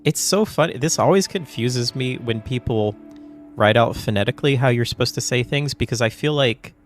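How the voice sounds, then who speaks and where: A man chatting casually on his gaming livestream, rambling and confused, with frequent chuckles and throat clearing. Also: mid-range voice, normal speed. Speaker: livestream gamer. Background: soft background music.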